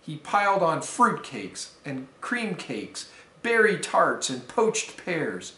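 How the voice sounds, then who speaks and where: A deacon reads a fable to students at a slow, careful pace. His voice is a touch high for a man and rings out in a roomy, echoey space. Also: big pitch swings, bright, forceful tone. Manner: careful, measured storytelling. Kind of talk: reading a fable aloud to students. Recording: roomy echo.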